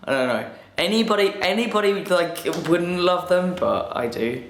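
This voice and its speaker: A man's voice: sits high, lively intonation, moderate pace, fairly bright tone. A man chatting casually to camera as a vlogger, upbeat and laughing often, his voice cracking now and then. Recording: echoey room.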